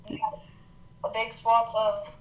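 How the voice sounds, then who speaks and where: A woman's voice: a little high, little pitch movement, slow. A woman co-hosting live weather commentary over a remote connection. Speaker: storm livestream co-host. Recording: roomy, noisy, patchy remote connection. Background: thunderstorm background noise.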